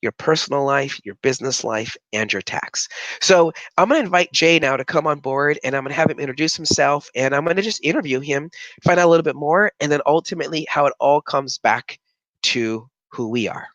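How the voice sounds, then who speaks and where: Upbeat bright-voiced male host, dry sound. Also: fairly high pitch, brisk, dry recording, highs cut off. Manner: upbeat, warmly enthusiastic. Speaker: host, interviewer. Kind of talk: casual interview talk.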